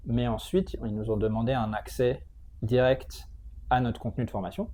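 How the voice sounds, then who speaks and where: A man's voice: medium pitch, steady tone, normal speed, dark tone, a little hiss or hum. A man answering interview questions in a conversational, explanatory way, hesitating and repeating words as he searches for the next one. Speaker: interview guest, tech training school entrepreneur.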